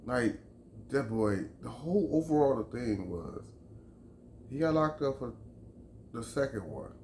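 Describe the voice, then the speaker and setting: A man's voice: mid-range voice, animated, measured pace, a little mellow, slight background noise. Heated man ranting in an echoey room. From Chicago. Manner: heated, emphatic, profane, repeats himself. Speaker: vlogger. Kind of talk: opinion rant to camera. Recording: roomy echo, faint background ambience.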